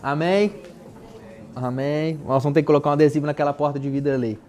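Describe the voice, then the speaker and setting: Brazilian male pastor, live sermon in church, chatty and animated storyteller. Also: on the high side, fast, slight background noise. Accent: Brazilian Portuguese. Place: church before a congregation.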